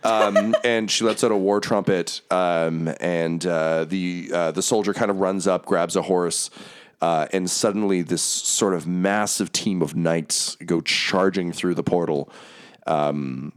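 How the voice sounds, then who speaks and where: A deep-voiced man running a tabletop game. He narrates loosely, with lots of fillers, laughs and the odd curse. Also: fairly even intonation, measured pace, clean tone. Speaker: game master.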